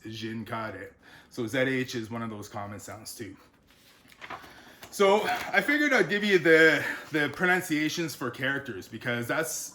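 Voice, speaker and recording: Male author, mid-pitched, casual pronunciation tutorial, slow syllable-by-syllable sounding out. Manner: sounds words out slowly, syllable by syllable; relaxed, explanatory, with frequent fillers. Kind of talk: unscripted pronunciation lesson.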